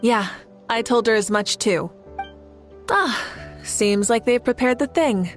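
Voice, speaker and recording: A young female warrior leader in an anime game. Her voice is fairly high, with a dignified, measured and reassuring delivery, and music plays underneath. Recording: music behind the voice.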